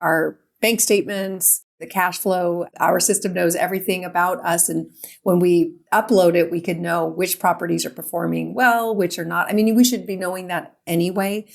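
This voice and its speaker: A woman's voice: fairly low pitch, vocal fry. A middle-aged woman chatting casually as a podcast co-host. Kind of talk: casual chat. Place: remote, in an old stone cellar described as a cave.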